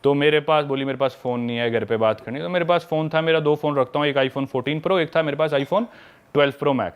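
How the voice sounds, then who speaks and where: A young adult man casually telling a long travel anecdote in a podcast chat, chatty and animated. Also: on the high side, a little fast, smooth. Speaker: travel vlogger telling a story.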